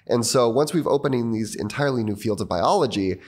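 A man who grew up in Argentina, talking as a podcast guest in a thoughtful, relaxed way with many fillers and restarts. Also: mid-range voice, fairly quick. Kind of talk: casual conversation.

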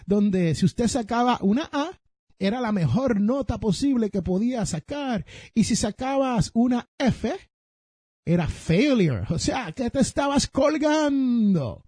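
Animated Puerto Rican man with a high voice. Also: unhurried, breathy edge, no room sound, clean studio sound. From Puerto Rico. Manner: animated storytelling, addresses listeners directly. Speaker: podcast host. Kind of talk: personal finance talk.

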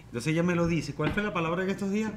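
A man, a guest father, telling self-mocking anecdotes in an animated casual chat. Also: high voice, rapid-fire, crowd noise. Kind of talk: casual storytelling.

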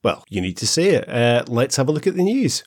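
A man's voice: medium pitch, sing-song, fairly quick, very noisy. A man co-hosting a podcast, telling anecdotes in casual chat. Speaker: podcast co-host. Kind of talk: casual chat, comic storytelling.

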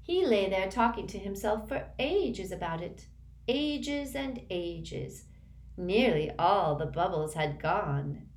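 A woman reading aloud and voicing a sulky, self-pitying teenage girl ghost, whiny and shrill. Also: animated, takes it slowly, darkish tone. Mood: gloomy. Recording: roomy echo.

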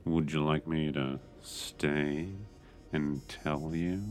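A man's voice: a bass voice, flat delivery, slow pace, darkish tone. A man playing a sultry, sneaky female knife-wielding intruder in a comedy audio drama, purring and teasing.

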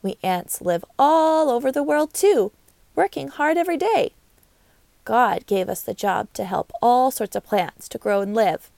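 Busy friendly ant lady, a woman putting her on, bold and lively, dry close mic. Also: fairly high pitch, creaky, dry recording. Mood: proud. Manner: brisk and loud, matter-of-fact. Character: strong, proud female worker ant, busy and friendly.

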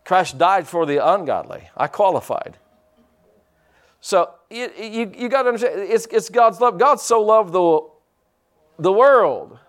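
A middle-aged man preaching a sermon as pastor, fervent and halting, repeating words and building to loud emphatic peaks. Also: high voice, animated.

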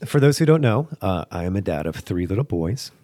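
Low, mellow-voiced man. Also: big pitch swings, a little fast, no room sound, studio quality. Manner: earnest, thoughtful, reasons aloud. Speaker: podcast co-host, father. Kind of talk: reflective faith discussion.

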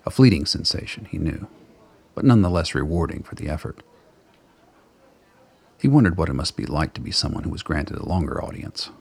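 Narrating a scripted radio drama, a man uses an extremely deep, gravelly, husky voice. His storytelling is measured, dramatic and expressive.

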